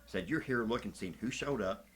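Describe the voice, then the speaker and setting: A man talking quietly and with feeling in a casual podcast chat. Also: lowish voice, normal speed, slight background noise.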